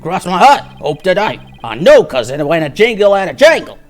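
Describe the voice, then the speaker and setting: A man acts out a cocky little crook on the witness stand in a courtroom game. He talks in folksy street slang with clipped word endings, pitched on the high side and lively. Faint music plays behind him. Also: normal speed. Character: scrappy small-time pickpocket witness, cocky and folksy.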